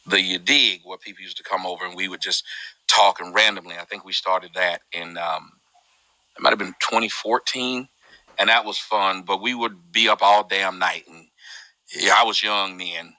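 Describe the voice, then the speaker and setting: A man hosting a live group discussion in casual, animated talk, his voice jumping high when he mocks. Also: moderate pace, dry recording, rough recording. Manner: animated, swings high and loud when mocking.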